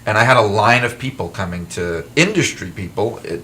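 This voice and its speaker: In a casual talk-show interview, a male author and wrestling historian talks animatedly, telling self-deprecating stories with frequent restarts. His voice is fairly low and a little fast, with slight background noise.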